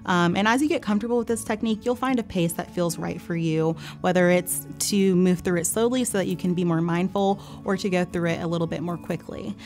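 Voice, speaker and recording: A woman therapist calmly and gently explaining a calming exercise in an instructional way. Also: fairly low pitch, brisk, hardly any pauses. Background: background music.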